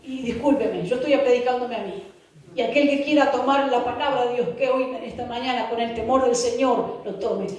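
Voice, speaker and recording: Lady pastor preaching, high pitched, super echoey far-off church sound. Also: brisk, darkish tone. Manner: fervent, repeating rhetorical questions. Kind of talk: sermon. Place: church hall.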